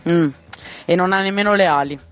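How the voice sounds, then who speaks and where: A man voicing a gruff grey male bird in a storybook reading, harsh and lecturing, over soft music. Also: sits high, brisk. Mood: doubtful. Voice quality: harsh, scolding. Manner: huffy, lecturing.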